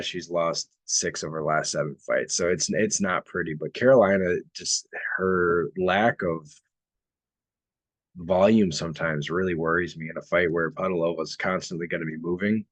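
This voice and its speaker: A man's voice: deep voice, dry recording. A man co-hosting a sports betting podcast, talking casually and steering the conversation from fight to fight. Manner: relaxed, conversational, steers the show. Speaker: podcast co-host.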